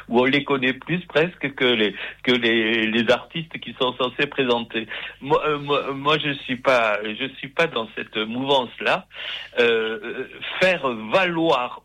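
Bright-voiced man in his sixties. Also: mid-range voice, low-quality recording. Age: 60s. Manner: hesitant, many restarts and fillers, good-humored. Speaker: guest, literary event moderator. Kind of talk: radio interview.

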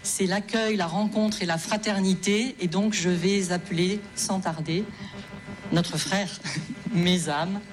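A woman organizer giving a welcome speech to an audience, halting and full of fillers. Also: mid-range voice, steady tone, over music. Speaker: event organizer introducing speakers.

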